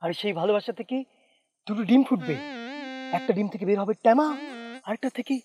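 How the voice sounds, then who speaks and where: Lovestruck young suitor, high voice, stammering, faint music behind. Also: male voice, a little fast. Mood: pleading. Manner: stammering, excitable, breaks into song.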